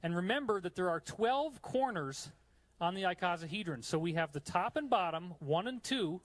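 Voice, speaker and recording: A conference speaker from New York, he has a high voice with a fairly bright tone. Giving a live lecture with slides in a hot room, he explains things eagerly and talks casually with the audience between points.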